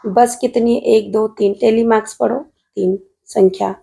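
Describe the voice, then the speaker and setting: A woman's voice: fairly high pitch, steady tone, a little slow, vocal fry, warm tone. A woman math teacher with a Rajasthani Hindi accent, patiently solving an exam paper on video while writing at a desk and calling her students "beta".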